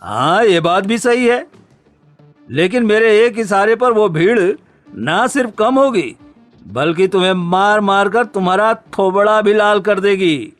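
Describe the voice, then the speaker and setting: Faint music sits behind a man's high-pitched, lively voice as he plays a blackmailing neighbour in a dubbed Hindi cartoon. The character is smug and scheming, delivered with stretched-out, taunting theatrical menace.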